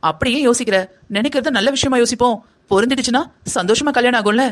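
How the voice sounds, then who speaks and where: A voice actor playing a gentle young man torn between his mother and his bride, speaking softly and placatingly in a cartoon drama. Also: mid-range voice, fast, close to an everyday voice. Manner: soft, placating.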